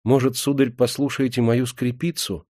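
A man's voice: medium pitch, level tone, normal speed, a little mellow, no room sound, clean studio sound, voice pushed up, natural voice. A man voicing a timid young male serf musician who speaks meekly and pleads. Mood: pleading. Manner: meek and pleading.

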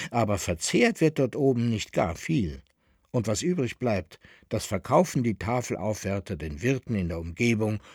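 A man's voice: mid-range voice, a little mellow, husky, dry recording, clean studio sound. A man voicing a plain-spoken tavern keeper in an audiobook, explaining matter-of-factly.

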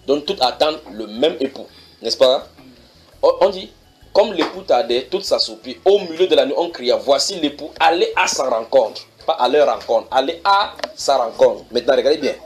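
A man preaching in a church, reading scripture verses slowly and then explaining them, often asking his listeners whether they follow. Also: mid-range voice, lively intonation, faint music behind. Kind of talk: sermon teaching.

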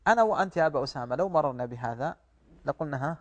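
Fast-talking male religious scholar, didactic. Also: fairly high pitch, expressive. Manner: didactic, rhetorical repetition, formal Arabic. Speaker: guest Islamic studies scholar. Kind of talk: religious explanation in an interview.

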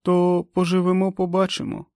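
A man's voice: mid-range voice, animated, normal speed, no echo, clean studio sound, lightly acted. A man voicing a nervous young pregnant woman who speaks hesitantly. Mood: nervous, wary. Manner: hesitant, tense.

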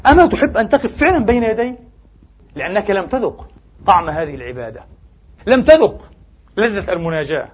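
A man's voice: sits high, darkish tone, husky, dull audio. A male preacher giving a Friday sermon, emphatic and swinging his voice up and down, addressing the congregation as brothers and sisters. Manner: emphatic preaching, rising and falling sharply.

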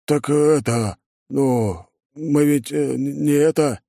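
Male narrator doing a meek foreman, high and stammering, hesitant, dry close mic. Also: animated, normal speed, mellow, slightly rough, dry recording. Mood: mumbling. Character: timid working-class male foreman, mumbling, deferential.

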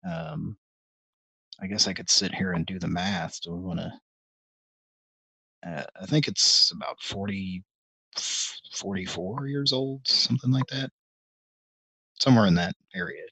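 A man's voice: low-pitched, measured pace, gravelly, long pauses, bright, forceful tone, breathy edge, no echo, low-quality recording. A middle-aged man hosting a live stream, rambling in casual chat with many hesitations and wry, self-deprecating asides. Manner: meandering and hesitant, full of ums and restarts. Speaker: host of a live call-in stream.

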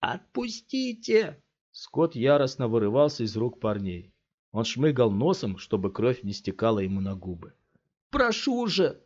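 A man narrating an audiobook in a dramatic, expressive reading. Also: fairly low pitch, moderate pace, husky. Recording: dull lo-fi recording.

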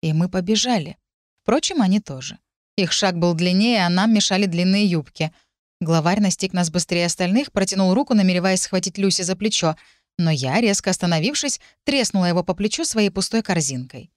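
A woman reading a first-person story aloud in an even, measured way. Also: lowish voice, no room sound, studio quality. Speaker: audiobook narrator. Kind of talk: first-person audiobook narration.

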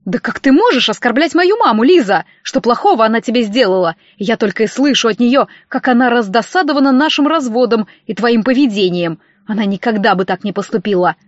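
A self-righteous estranged husband, as a woman narrator puts him on, lecturing loudly and sanctimoniously. The voice sits fairly high. The recording is dull and dry. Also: animated, a little fast, hardly any pauses, no room sound. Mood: indignant. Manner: indignant, loud and sanctimonious.

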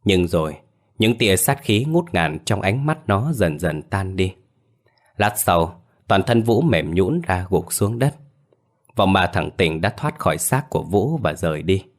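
A man narrating a ghost story in a measured storytelling way. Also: sits low, sing-song. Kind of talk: scripted horror narration.

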